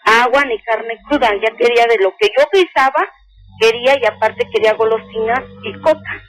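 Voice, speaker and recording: A woman's voice: on the high side, poor audio. Older woman telling a story. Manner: slow, earnest retelling that quotes each speaker. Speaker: caller. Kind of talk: telling a personal story on a call-in radio show.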